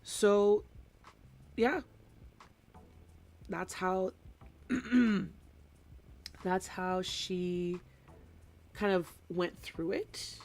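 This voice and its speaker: A woman's voice: medium pitch, steady tone, drawn-out words, long pauses, darkish tone. A woman who works as a kindergarten teacher, chatting casually and rambling through classroom anecdotes during a hobby live stream from home.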